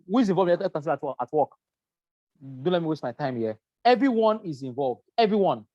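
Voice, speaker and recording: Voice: medium pitch, darkish tone, dry recording, lo-fi sound. Safety trainer lecturing through slides in a dry, close sound; emphatic and repetitive, hesitant with um. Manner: emphatic, repeats key points, frequent um fillers.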